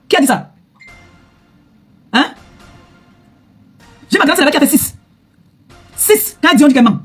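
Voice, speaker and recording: A middle-aged woman fires off a heated, confrontational rant at breakneck speed. Her voice is husky and a little breathy, and she keeps hammering the same retorts. Faint music runs underneath. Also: sits high. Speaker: social media influencer. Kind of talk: angry direct-to-camera rant.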